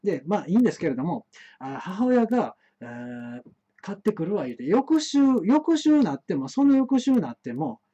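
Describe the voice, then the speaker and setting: A man's voice: sits high, big pitch swings, moderate pace, mellow, slightly rough. A man with a Kansai accent telling a rambling childhood story, full of stammered restarts and fillers. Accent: Kansai Japanese. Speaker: host of an internet talk show. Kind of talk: rambling solo monologue, storytelling. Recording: muffled live-stream audio.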